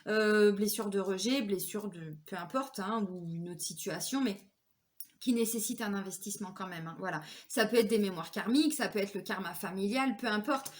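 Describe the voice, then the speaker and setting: A woman's voice: medium pitch, moderate pace. A woman in her forties giving a casual spiritual card reading, chatty, with frequent fillers and laughs. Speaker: tarot and oracle card reader.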